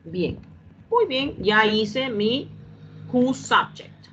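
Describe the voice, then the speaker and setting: Her voice sits on the high side, sing-song and a bit bright, with drawn-out words, as a woman teaches an English grammar lesson to a class. She patiently repeats each step and asks whether everyone has followed. Faint background hum runs under the dull, lo-fi sound.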